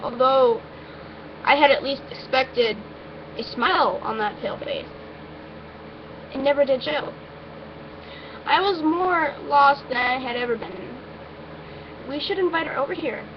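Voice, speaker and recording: A woman with a high voice reads a first-person story aloud, a little slowly and with long pauses. Her delivery is informal and amateur; she stumbles now and then and breaks off with asides. The recording is muffled and noisy.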